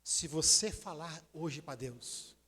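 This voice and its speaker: A male pastor preaching a sermon, swinging between loud declarations and hushed, intimate asides. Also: on the high side, takes it slowly, husky, big-room sound. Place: church sanctuary.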